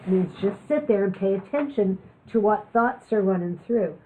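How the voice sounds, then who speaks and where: Lively in intonation and mid-range in pitch, this woman speaks at normal speed over slight background noise on lo-fi, phone-like audio. Candid and joking, she shares personal stories in a talk about life with chronic illness.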